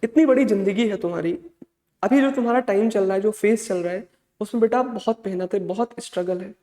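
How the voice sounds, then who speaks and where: Fairly quick and high-pitched with a dark tone, a man runs an online chemistry exam-prep lecture. He motivates students like a father, calling them "beta" and drilling the main points over and over, in an echoey room with long reverb.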